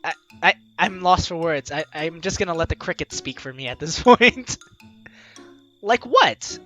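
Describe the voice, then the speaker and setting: Faint music sits behind a woman whose fairly low, fairly bright voice stays animated and unhurried. As host of a game playthrough, she reads the narration expressively and keeps up a playful, giggly running commentary.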